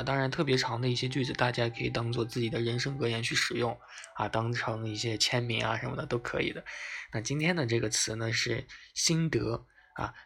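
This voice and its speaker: A man hosting a language lesson podcast, explaining words patiently and repeating them slowly for learners. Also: medium pitch, creaky, a bit bright. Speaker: Japanese language teacher, podcast host. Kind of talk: casual spoken lesson.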